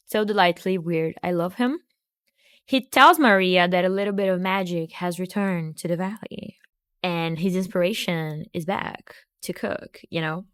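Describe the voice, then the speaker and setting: A woman's voice: mid-range voice, a bit bright, smooth, no echo, studio quality. A woman hosting a video, giving a casual recap of a film and book with joking asides and restarts. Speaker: video host.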